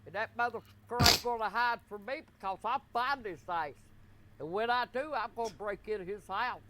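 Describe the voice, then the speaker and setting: In a comedy skit with a noisy background, a man plays a foul-mouthed, defiant eighty-year-old grandmother in a shrill, cursing old-lady falsetto. He speaks at a moderate pace, lightly acted, in a profane, defiant rant.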